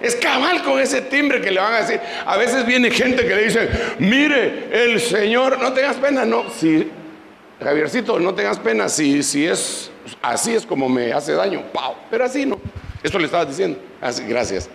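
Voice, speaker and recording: A man's voice: sits high, lively intonation, normal speed, gravelly, a bit bright, roomy sound, long reverb tail, slight background noise, poor audio. A man preaching a sermon as pastor, leading the congregation in prayer. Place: church.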